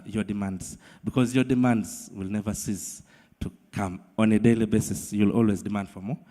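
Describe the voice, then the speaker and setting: A man with a Ugandan English accent giving a formal thank-you speech as a company executive, measured and full of uh fillers. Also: fairly low pitch, mellow. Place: large event hall. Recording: long hall reverb.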